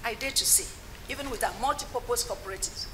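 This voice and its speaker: A woman's voice: fairly high pitch, quick pace. A Nigerian woman delivering an advocacy speech as an agency director, emphatic, with repeated phrases and rhetorical questions. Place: public forum. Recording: faint event background noise.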